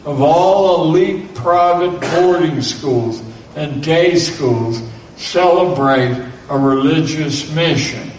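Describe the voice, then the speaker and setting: A man reading a lecture aloud in a measured way, now and then spelling out names letter by letter. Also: on the high side. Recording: roomy, distant mic with faint background noise.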